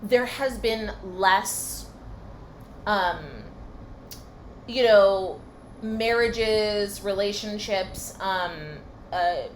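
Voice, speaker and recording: A young woman from California talks casually as a podcast co-host. She pauses often, fills gaps with "um" and "like", and picks her words with care. Faint music and street noise from the city seep in behind her. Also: medium pitch, fairly even intonation, rough recording. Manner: thoughtful, hesitant, many fillers. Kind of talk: casual chat. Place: apartment in a noisy city.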